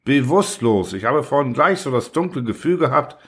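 A man's voice: medium pitch, very animated, normal speed, fairly bright tone, husky, pitched above the performer's own voice, full character voice. Thomas Konradin, a whiny hungover man, read by a man. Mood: querulous. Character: hungover, self-pitying man in bed, pompous.

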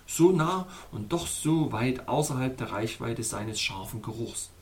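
Male audiobook narrator, first-person fairy tale, measured and expressive, middle pitch.

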